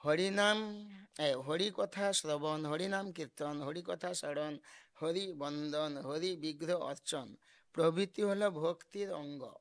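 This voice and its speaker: A man with a Bengali accent giving a devotional sermon, answering a question and quoting scripture verses in a slow chant. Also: fairly high pitch, vocal fry, a bit bright. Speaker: religious teacher answering a question.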